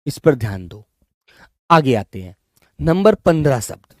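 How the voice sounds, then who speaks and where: A man teaching a Hindi spelling class online, coaxing students and repeating words slowly. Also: medium pitch, very animated, darkish tone, no echo, studio quality.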